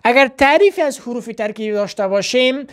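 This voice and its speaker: Woman, Afghan Dari accent, language teacher, fairly high pitch, slow repeated drilling, asks then answers herself. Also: expressive. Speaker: English teacher. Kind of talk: spoken language lesson.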